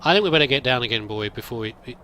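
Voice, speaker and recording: Very fast and animated, the man's mid-range voice is bright and forceful, carrying a little hiss or hum. He's a let's play roleplayer in character as a pilgrim, thinking aloud in a wandering, hesitant fashion.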